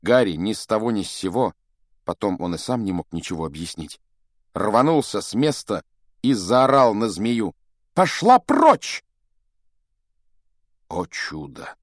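A man reading a children's fantasy story aloud in an animated, expressive way and voicing each of its characters. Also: on the low side, normal speed, no echo, clean studio sound. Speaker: audiobook narrator.

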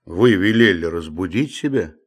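A man's voice: low voice, expressive, moderate pace. A man voicing a stubborn old male manservant who coaxes and scolds with a drawling, muttering manner. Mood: coaxing, scolding.

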